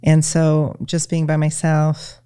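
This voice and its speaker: A woman as a podcast guest, talking in a gentle, reflective way with many "you know"s. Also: low-pitched, completely flat delivery, slow, clean tone, dry recording, studio quality. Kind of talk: casual conversation, retelling a children's story.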